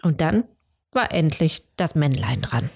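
A woman storyteller narrating a rhyming storybook, measured and sometimes hushed. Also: low voice, sing-song, gravelly, slightly rough.

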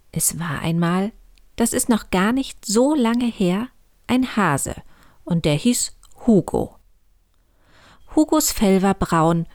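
A woman reading a children's story aloud in a calm, clear, unhurried way. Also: on the low side, no room sound, clean studio sound.

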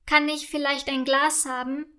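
A woman voicing an excitable young girl who talks eagerly and stammers when caught out. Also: sits high, moderate pace. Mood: excited.

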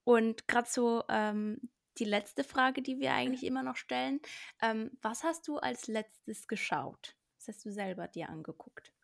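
A woman co-hosting a podcast in casual interview chat, bubbly and quick to laugh. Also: on the high side, vocal fry. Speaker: podcast co-host.

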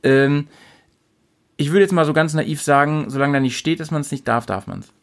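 Relaxed man thinking aloud on a podcast. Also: on the high side, normal speed. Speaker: podcast co-host. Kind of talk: casual chat.

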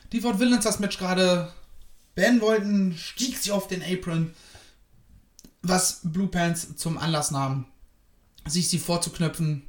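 A man's voice: sits high, reverberant. A man giving a casual spoken review of a wrestling show, hesitant and rambling with many fillers.

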